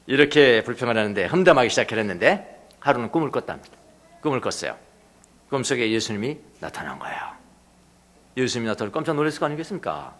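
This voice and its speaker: A male pastor preaching a sermon, telling stories with lively swings between animated emphasis and quiet asides, laughing now and then. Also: mid-range voice, quick pace. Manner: laughs often while preaching.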